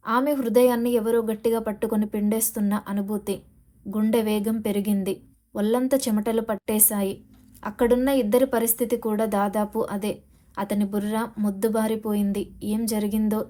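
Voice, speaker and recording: Mellow woman reading a novel aloud. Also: medium pitch. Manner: steady, dramatic storytelling. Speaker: audiobook narrator. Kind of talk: scripted novel narration.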